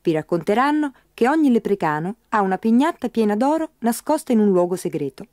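A woman narrating a children's tale in an animated, dramatic audiobook style. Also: mid-range voice, fairly quick, dry recording, studio quality. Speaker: storyteller. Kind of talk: expressive audiobook storytelling.

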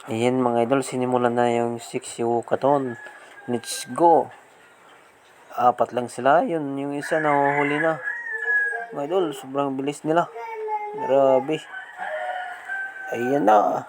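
A man with a slight lisp from missing front teeth, giving excited casual commentary as a vlog host outdoors. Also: mid-range voice, slow, long pauses. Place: outdoors on a rural road, partly riding a motorbike. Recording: outdoor noise, passing motorbikes.

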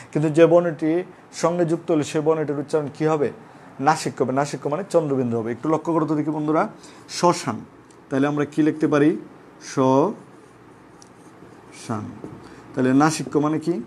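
Patient teacher man, slightly high voice. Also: a little mellow, a little hiss or hum. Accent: Bangladeshi Bengali. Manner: patient, repetitive explaining, addresses students as friends. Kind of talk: live online class on Bengali pronunciation.

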